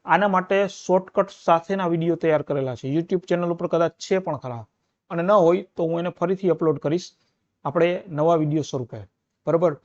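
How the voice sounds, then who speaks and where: Male tutor with a slightly high voice, exam-prep grammar lecture, repeats points and checks in with students, dull muffled recording. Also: brisk. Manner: explains in repeated steps, often checks with the listener. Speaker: English grammar teacher.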